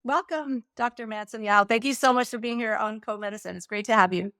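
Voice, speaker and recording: A woman's voice: on the high side, fairly quick, clear, resonant tone, no room sound. Chatty woman podcast host, dry sound. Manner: chatty, lively, thinks aloud with restarts. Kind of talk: casual interview chat.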